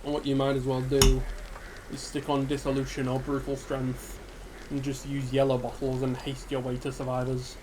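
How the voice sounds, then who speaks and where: A gaming video creator with a medium-pitched voice rants unscripted and alone to camera about a game, sounding subdued, hesitant, and dejected. He pauses often on "um," and a steady ambient hiss runs in the background.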